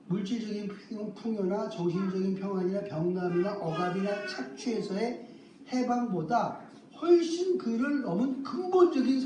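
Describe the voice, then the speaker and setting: A man delivers a sermon in a church sanctuary, his fairly high voice leaning on key words and drawing them out. He keeps posing rhetorical questions to the congregation and answering them himself. The mic sits some distance away, so the voice comes through roomy with a faint hum of ambience behind it. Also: warm tone. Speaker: pastor.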